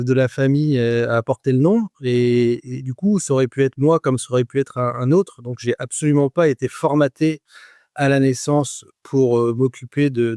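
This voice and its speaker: A man's voice: medium pitch, mellow, no room sound, studio quality. A man in his forties, a guest on a podcast interview, speaking with frequent hesitations, fillers and restarts. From France. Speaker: guest, rum producer.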